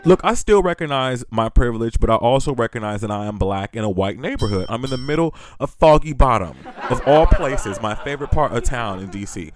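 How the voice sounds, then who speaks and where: A man's voice: medium pitch, expressive, brisk, hardly any pauses. A man from Washington, D.C. hosting a podcast, telling a crude story with candid, comic storytelling and frequent laughter. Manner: crude, laughs often, chatty. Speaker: podcast host. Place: studio.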